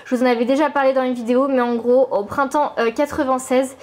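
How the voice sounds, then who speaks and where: A woman's voice: high voice, fairly even intonation, fast talker, darkish tone. A young woman from France vlogging casually from her apartment, chatty and enthusiastic, with frequent fillers.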